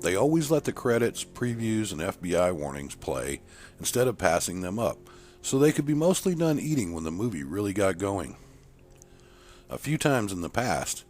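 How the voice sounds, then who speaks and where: Give me a low-voiced man reading a spooky story aloud, with lively, expressive intonation. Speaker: narrator. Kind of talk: storytelling narration. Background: faint background music.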